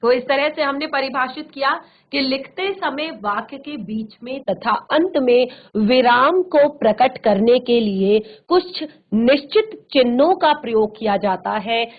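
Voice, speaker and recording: A woman Hindi teacher leading a virtual classroom lesson, explaining slowly and deliberately with frequent pauses. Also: sits high, lively intonation. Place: studio. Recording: tinny, phone-like narrow sound.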